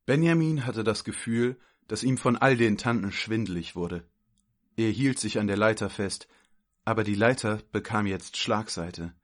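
A man calmly reading a children's story aloud as narrator. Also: on the low side, normal speed.

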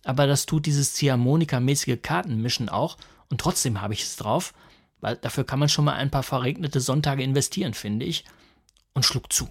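A man with a husky voice narrates a humorous first-person story. His telling is dry and wry, and his voice sits at an ordinary middle pitch. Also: brisk.

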